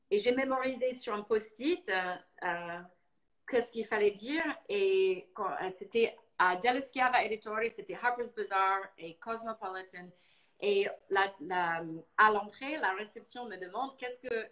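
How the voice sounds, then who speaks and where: A woman from Boston with an American English accent, talking casually as a guest and telling stories in lively fashion, slipping into English now and then. English is her first language. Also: mid-range voice, measured pace, poor audio. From Boston, United States. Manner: animated storyteller, mixing in English words. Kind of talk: casual live talk.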